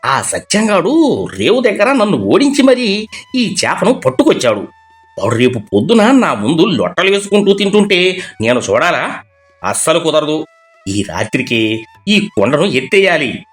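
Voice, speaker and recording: Suribabu, the greedy neighbour in a cartoon story, stretches out his words and begs hesitantly, with a swooping, lively pitch, as a man acts him out. Faint music runs in the background. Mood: greedy scheming. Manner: drawn-out, hesitant pleading. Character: sneaky middle-aged male neighbour, greedy and pleading.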